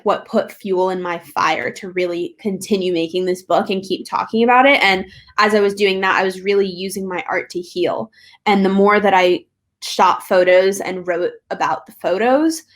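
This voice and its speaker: A young woman, a podcast guest, talking openly and reflectively, with casual wording and an occasional laugh. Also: mid-range voice. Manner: open, reflective, laughs now and then, casual swearing. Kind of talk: candid conversational interview.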